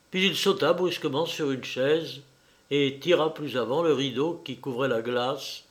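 Man narrating a classic tale. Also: mid-range voice. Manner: measured, formal storytelling. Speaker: audiobook narrator. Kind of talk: scripted literary narration.

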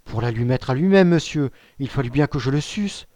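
A man's voice: medium pitch, animated, a little fast, darkish tone, no echo, pitched above the performer's own voice, lightly acted. A man reading an audiobook aloud, voicing an earnest young sailor who protests his innocence eagerly and pleads with the judge. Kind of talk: audiobook character voice.

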